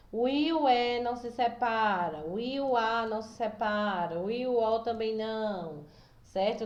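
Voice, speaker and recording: A young woman with a Brazilian Portuguese accent, teaching a video lesson to small children, slow and patient, checking in often. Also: a little high, a little mellow. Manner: patient, slow, repeats key points with "tá?" and "certo?". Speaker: primary school teacher. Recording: echoey room, slightly dull sound.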